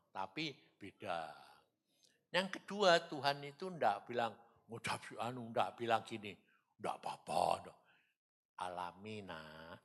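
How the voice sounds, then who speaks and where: A man preaching a testimony sermon, telling his story and acting out his own dialogue with God, going from loud bursts to quiet low lines. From Indonesia. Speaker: evangelist preacher. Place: church or studio.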